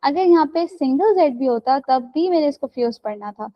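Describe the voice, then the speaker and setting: A woman's voice: high voice, expressive, moderate pace, no room sound, lo-fi sound. A woman teaching an English class online, explaining step by step and checking that students follow. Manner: explains step by step, checks understanding with "right?" and "theek hai".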